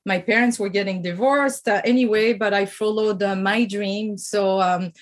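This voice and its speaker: A woman's voice: mid-range voice, steady tone, normal speed. A woman from France, speaking English with a French accent as her second language. She is a guest on a podcast and recounts her past as a dancer. Her telling is hesitant, with many ums and restarts. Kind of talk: podcast interview storytelling.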